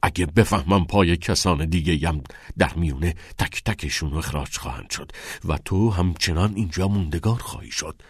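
A man's voice: low voice, breathy edge, no echo, studio quality. A man voicing a cold, stern middle-aged headmaster who gives clipped, threatening commands in an audiobook. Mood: cold threat. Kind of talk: audiobook character voice.

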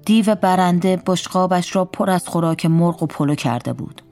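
A woman reading a first-person story aloud in a calm, wry storytelling manner. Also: on the low side, faint music behind.

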